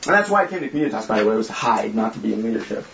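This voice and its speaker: A man's voice: on the low side, big pitch swings, very fast, gravelly, heavy background noise. A young man leading a church group, giving a candid, self-mocking informal sermon and acting out the voices he quotes. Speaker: small-group church leader. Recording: echoey room, dull lo-fi sound.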